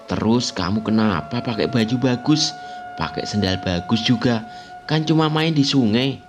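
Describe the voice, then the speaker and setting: A man voicing a curious, bossy young girl who asks lively questions and scolds her friend, over background music. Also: mid-range voice, moderate pace, voice pushed up, lightly acted. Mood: questioning. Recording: music playing underneath.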